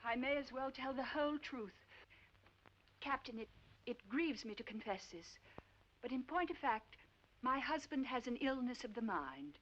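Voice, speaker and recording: An actress in a 1950s film playing a flighty, affected upper-class wife with a breathy, gushing manner. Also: female voice, high-pitched, lively intonation, moderate pace, pauses often, a bit bright, a little hiss or hum. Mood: mock confession. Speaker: film character. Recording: dull old film soundtrack with music.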